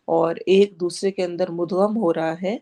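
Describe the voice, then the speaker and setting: A woman with a Pakistani Urdu accent teaching tajweed, going word by word and slowly drawing out each recited word. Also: on the low side, fairly even intonation, mellow. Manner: explains pronunciation patiently, drawing out recited words slowly; mixes English words into Urdu explanations.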